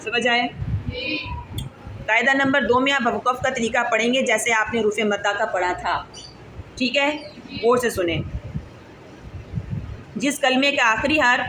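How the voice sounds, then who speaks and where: A fairly high-voiced woman teaching a recitation lesson, spelling out sounds slowly and stretching vowels for her pupils. She pauses often to check that everyone understands. The room echoes and steady noise hums behind her. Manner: patient, drills syllables slowly and asks pupils check questions. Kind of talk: online class lesson.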